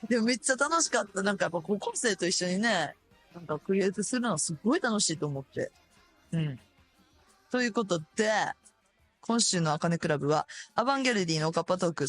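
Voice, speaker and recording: A radio host in her thirties with a Kansai accent and a hoarse voice, chatting casually and animatedly. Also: fairly low pitch. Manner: chatty, animated, laughs often.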